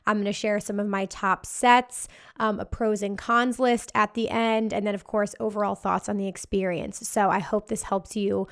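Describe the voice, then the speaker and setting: A woman's voice: medium pitch, fairly even intonation, moderate pace, smooth. A woman hosting a casual solo podcast with upbeat, giddy party-girl enthusiasm and a slightly worn post-party voice. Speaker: podcast host. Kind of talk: casual podcast monologue, festival recap.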